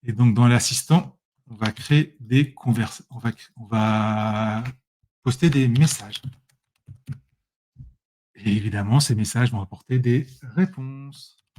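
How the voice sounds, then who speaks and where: Man, live software demo, chatty, self-correcting, talks to viewers, computer mic. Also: mid-range voice, takes it slowly. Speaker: presenter demonstrating software. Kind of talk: live screen-share tutorial.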